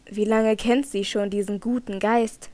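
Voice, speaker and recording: A woman's voice: mid-range voice, fairly even intonation, unhurried, dark tone, no echo, close to an everyday voice. A woman reading a distressed young nobleman. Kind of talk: audiobook character reading.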